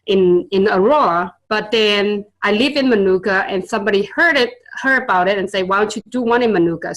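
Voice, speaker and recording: The audio is rough as a woman of medium pitch, a tutor and business owner, shares stories as an interview guest in a relaxed setting. Born in Vietnam and raised in China with Chinese and Vietnamese as native tongues, she talks earnestly, using many fillers and non-native grammar.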